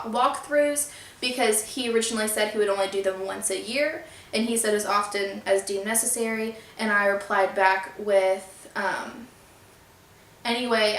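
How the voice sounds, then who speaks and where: A woman's voice: fairly high pitch, fairly bright tone. A young woman vlogger telling a storytime about her landlord and reading out emails in an earnest, upset but polite way. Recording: echoey room.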